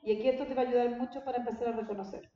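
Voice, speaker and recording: This church teaching talk comes from a woman pastor who speaks very fast in a warm, fairly high, steady voice, chatting with her congregation and often asking questions. The church hall recording is very echoey and dull.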